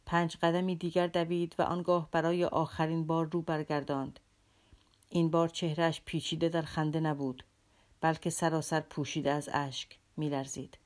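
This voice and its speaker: A woman narrating a classic novel as an audiobook, measured and dramatic. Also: low-pitched, flat delivery, a little mellow. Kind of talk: scripted literary narration.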